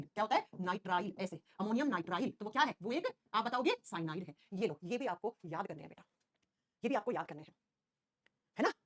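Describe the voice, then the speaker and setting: A woman's voice: high voice, fairly bright tone, dry recording. A woman teacher giving an online class, constantly questioning her students and answering herself.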